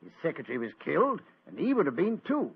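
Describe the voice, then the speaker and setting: An actor playing a plain-spoken police inspector in an old radio drama, blunt and folksy. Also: male voice, fairly high pitch, huge pitch swings, fast, creaky, breathy edge, heavily acted. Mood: businesslike. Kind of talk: 1940s radio drama acting. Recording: muffled old radio broadcast.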